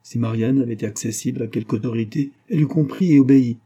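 A man narrating a classic novel aloud in a measured, steady reading. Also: mid-range voice, husky. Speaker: audiobook narrator. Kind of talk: scripted narration.

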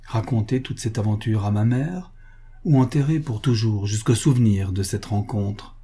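Husky, dark-voiced male storyteller. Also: on the low side, normal speed. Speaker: audiobook reader. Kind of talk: literary narration.

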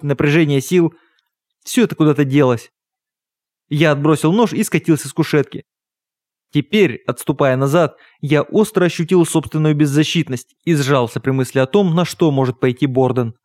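A man narrating a first-person literary audiobook in a measured, even storytelling manner on a close studio mic. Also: on the high side, dry recording.

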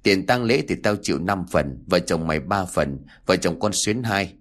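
A grasping eldest daughter-in-law who barks orders and turns shrill when crossed, as a male storyteller puts her on. Her voice rises and falls in lively swings. It is a harsh, commanding voice in a spoken horror story. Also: moderate pace. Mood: bossy. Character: greedy, domineering eldest daughter-in-law, woman.

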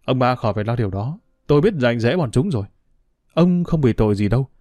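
A young father on the hunt for his stolen child , as a male storyteller voices him, earnest and held in check as he presses for answers. His tone is warm and mellow, recorded dry and close. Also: mid-range voice, lively intonation, quick pace, no room sound, natural voice. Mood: pressing. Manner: earnest, restrained, pressing questions.

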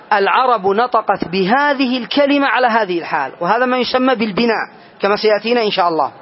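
A man teaching a classroom grammar lesson, quizzing his students and slowly spelling out each example. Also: very high voice. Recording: dull lo-fi lesson recording.

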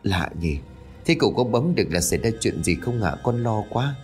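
A man's voice: fairly low pitch, big pitch swings, fairly quick, faint music behind. A man voicing a frightened middle-aged village wife who speaks timidly and fretfully.

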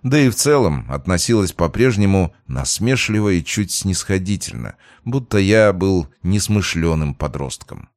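A man narrating a first-person audiobook with expressive storytelling. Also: deep voice, normal speed, few pauses, dry recording.

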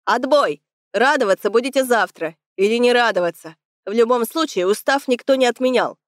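A woman's voice: on the high side, fairly quick, no room sound, studio quality, natural voice. A woman voicing a strict female officer in charge of cadets, who talks in a curt, commanding way.

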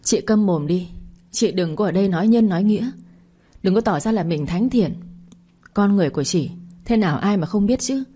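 Spiteful young wife, accusing, breathy, warm tone, a woman doing it. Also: lively intonation, fairly quick. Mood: furious. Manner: shrill, accusing. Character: spiteful young wife grieving a lost baby.

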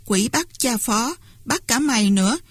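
A rude little boy who curses and sulks, his voice raised a touch higher than a grown woman's and carrying a husky grain. A woman reads him aloud in an audiobook. The sound is dry and close. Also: lively intonation, moderate pace, no echo. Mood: defiant. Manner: rude, cursing, blunt. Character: foul-mouthed small boy, sullen and defiant.

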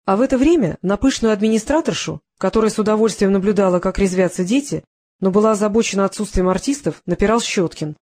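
An audiobook narrator reading a crime thriller in an even storytelling delivery. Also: medium pitch, fast. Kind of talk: scripted narration.

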